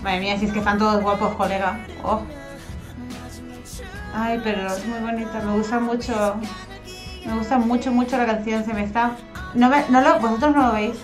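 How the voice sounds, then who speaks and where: A woman's voice: fairly high pitch, moderate pace, long pauses. Gushing young woman reacting. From Spain. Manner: gushing, excitable, repeats herself. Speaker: dance-cover group member. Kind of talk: music video reaction. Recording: faint music behind the voice.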